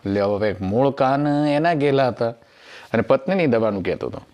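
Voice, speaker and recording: A man's voice: medium pitch, lively intonation, normal speed, darkish tone. A male comedian, telling jokes in a rustic storyteller manner and acting out each character. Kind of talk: stand-up joke telling.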